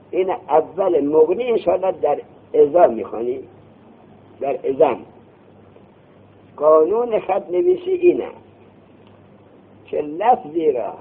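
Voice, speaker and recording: A man teaching a grammar class, quizzing his students with quick questions, answering them himself and scolding them to put things away and listen. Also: high-pitched, vocal fry, breathy edge. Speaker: seminary teacher. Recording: tinny phone-like lo-fi recording.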